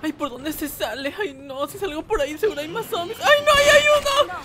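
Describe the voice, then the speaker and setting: A woman's voice: extremely high pitch, animated, fairly quick, a loud crowd, heavy background noise. Whis: a woman doing a camp, jittery male angel. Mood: panicky excited. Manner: camp, sighs "ay" constantly, shrieks when scared. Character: effeminate timid male angel, easily scared and fussy. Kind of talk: comic fan animation dubbing. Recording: game music playing behind the voice.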